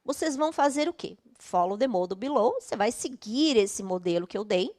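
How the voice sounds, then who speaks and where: A woman's voice: fairly high pitch, animated, normal speed, darkish tone. A woman with a Brazilian Portuguese accent teaching an online English class, explaining patiently step by step and checking in often.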